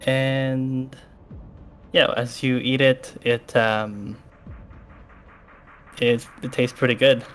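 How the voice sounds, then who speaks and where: A man's voice: mid-range voice, clean tone. A man running a tabletop game, improvising narration and character lines in a hesitant way. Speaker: game master.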